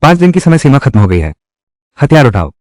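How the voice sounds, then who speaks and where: A man's voice: mid-range voice, big pitch swings, fast, a little mellow, dry recording, studio quality, close to an everyday voice. An actor playing a stern, commanding man in a dubbed drama, giving blunt orders.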